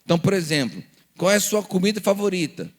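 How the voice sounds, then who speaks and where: Animated high-voiced Brazilian pastor, echoing hall. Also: male voice, fast talker. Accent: Brazilian Portuguese. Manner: animated storyteller acting out dialogues, asks rhetorical questions. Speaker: pastor teaching a seminar. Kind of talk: lively church seminar talk.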